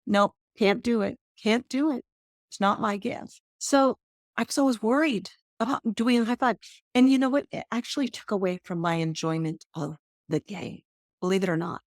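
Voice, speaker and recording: In a dry, clean studio recording, a woman at a moderate pace shares personal stories on her podcast. Her monologue is chatty and self-deprecating, marked by lively pitch jumps.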